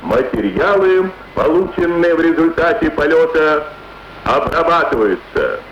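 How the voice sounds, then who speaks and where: A man reading an official news bulletin on the radio in a slow, solemn, deliberate way, from a muffled archival broadcast. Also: on the high side, very animated, roomy sound, a little hiss or hum. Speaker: radio announcer.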